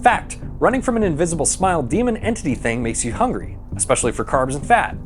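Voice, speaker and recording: Lively, sarcastic man narrating over music. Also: on the high side, fast. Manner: sarcastic, irreverent, sweary. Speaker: host and narrator of movie recap show. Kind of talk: comedic scripted narration. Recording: music behind the voice. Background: background music.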